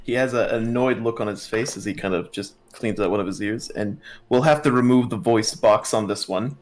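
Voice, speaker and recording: A man's voice: fairly low pitch, a little fast. A man narrating a tabletop game as dungeon master, casual and loose, often restarting his sentences. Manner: casual, many fillers and restarts.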